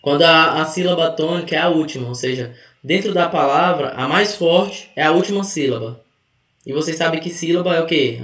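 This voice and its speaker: A man's voice: on the high side, a bit bright, roomy sound. A man teaching an exam-prep grammar lesson who stretches out words to show the stressed syllable and corrects himself mid-sentence. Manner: self-correcting, restarts mid-phrase.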